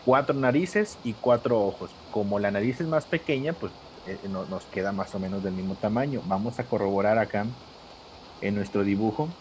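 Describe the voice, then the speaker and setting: A man's voice: fairly low pitch, normal speed, slight background noise, low-quality recording. A man teaching a live drawing class, patient and step by step, calling on students by name.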